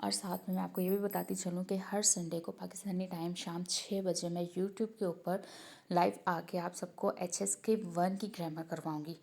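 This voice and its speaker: A woman teaching an online language lesson, speaking slowly and carefully and repeating each word to drill pronunciation. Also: lowish voice, level tone, gravelly, a little mellow.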